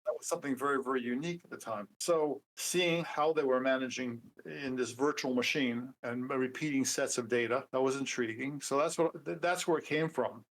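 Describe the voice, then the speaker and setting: An older man in his seventies talks at an ordinary middle pitch. He sounds relaxed and a bit wry, with plenty of "uh"s and restarts as he remembers things. It is a casual conversation, not a performance. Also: fairly quick, few pauses, rough recording. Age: 70s. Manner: relaxed, dry humor, frequent fillers and restarts. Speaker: guest programmer. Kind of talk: casual interview chat.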